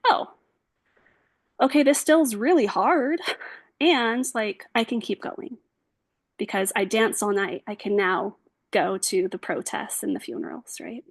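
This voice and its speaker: A woman's voice: medium pitch, no echo. A woman giving an informal lecture to an audience, affirming and conversational, with frequent casual fillers. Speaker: lecturer and social worker. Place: bookstore event space.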